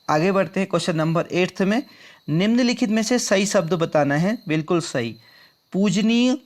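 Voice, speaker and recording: Man going through exam questions, higher-pitched. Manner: drills answers by repeating them back as questions; addresses viewers as friends. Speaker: exam prep teacher. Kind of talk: explaining quiz answers.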